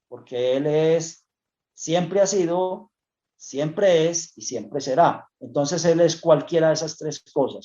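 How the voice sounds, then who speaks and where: Slow halting bible teacher, lots of pauses and restarts, mellow voice. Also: medium pitch. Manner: halting, frequent hesitations and restarts. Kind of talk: unscripted congregational teaching. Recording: dull lo-fi recording.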